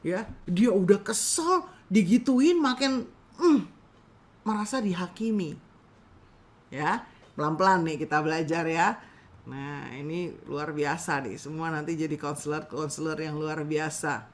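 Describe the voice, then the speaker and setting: A woman's voice: sits low, measured pace. A woman teaching a congregation about counseling in a conversational sermon style, asking rhetorical questions and acting out little scenes. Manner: addresses listeners as brothers and sisters, acts out short scenes.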